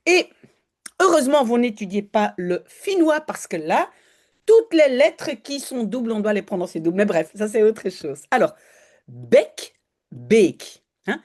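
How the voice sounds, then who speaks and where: A woman's voice: a little high, very animated, darkish tone. A woman giving an online language lesson, patiently repeating and drawing out words to show their sounds. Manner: patient, repeats and stretches words slowly for pronunciation. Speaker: language teacher.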